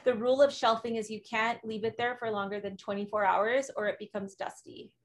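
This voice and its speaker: A woman's voice: on the high side, fairly even intonation, fairly quick. A woman guest on a podcast interview, explaining emotional tools in an earnest, conversational way, full of "like" and "um". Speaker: guest, emotional wellness coach.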